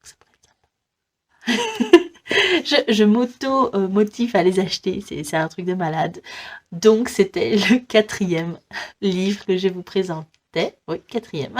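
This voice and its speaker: A young woman with a French accent talks through her book wishlist in a relaxed vlog. She chats freely, fills pauses with hesitations and often breaks into small laughs. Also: medium pitch. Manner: chatty, many fillers and giggles, reads blurbs aloud. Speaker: book vlogger.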